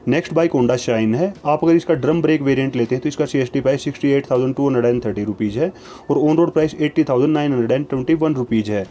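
Over a series of price slides, a man with a warm, mellow, mid-range voice reads out prices in a quick, scripted voice-over. Each item follows the same set formula, and his tone never leaves its even, matter-of-fact footing. The high frequencies are cut off, and there's a little background noise.

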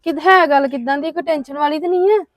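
Girl doing a nosy blunt friend, squeaky high voice, fast, dry sound. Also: no room sound, natural voice. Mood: quizzing. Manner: blunt, quizzing.

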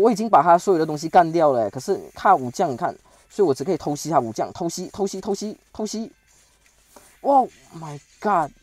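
A man giving chatty, excitable commentary over a strategy game he is playing, stumbling and restarting as he talks. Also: mid-range voice, no room sound. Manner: chatty, excitable, with frequent sentence-final particles and stammered restarts. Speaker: game channel host. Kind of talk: casual gameplay commentary.

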